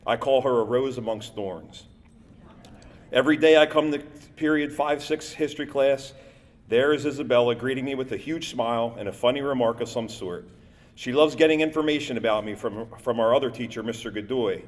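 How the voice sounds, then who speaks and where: A man's voice: mid-range voice, fairly quick. Male teacher in his 50s presenting a school award, jokey and a bit stumbling, long hall reverb. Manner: jokey, loose, stumbles over words. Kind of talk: prepared award speech with asides.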